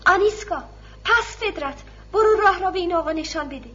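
A woman's voice: fairly bright tone, lo-fi sound. Woman doing a sobbing, wailing mother. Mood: angry. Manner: sobbing, shrill pleading. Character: distraught middle-aged mother, wailing and pleading.

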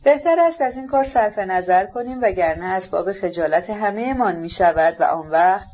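A woman reading the lines of a polished young male aristocrat in an ironic, measured way. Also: medium pitch, expressive, darkish tone, highs cut off, close to an everyday voice.

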